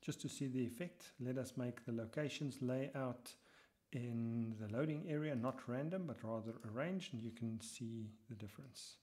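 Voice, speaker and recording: Working as he talks, a man who lectures guides listeners through software one step after another, occasionally mumbling some lines under his breath. Typing can be heard in the background, and his mid-range voice keeps a normal pace.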